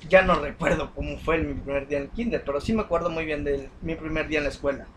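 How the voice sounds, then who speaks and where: A man's voice: on the high side, steady tone, quick pace, a bit bright, a little hiss or hum, rough recording. A young man telling a story in casual chat, with many fillers and restarts. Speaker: podcast co-host.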